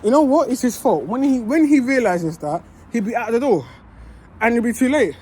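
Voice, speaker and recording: A woman's voice: on the high side, animated, normal speed, darkish tone, husky. A woman, a football fan giving a heated, swearing reaction rant that keeps circling back on itself. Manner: heated, swearing, repeats herself.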